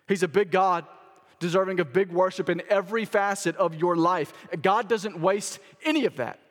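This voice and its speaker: A male pastor delivers a sermon in a church sanctuary, his voice sitting a little high for a man. He presses his points by repeating them, and the big room adds a long reverb tail. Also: a bit bright. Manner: emphatic, repeats key phrases for stress.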